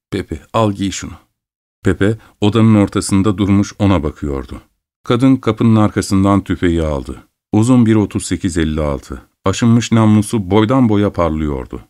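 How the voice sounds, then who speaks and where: A man narrating a literary story with a measured, unhurried manner. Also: lowish voice, dark tone.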